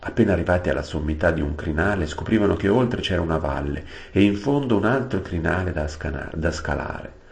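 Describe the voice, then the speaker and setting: Very deep, gravelly male storybook narrator. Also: lively intonation. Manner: unhurried, adds plain-word glosses. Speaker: audiobook reader. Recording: roomy echo.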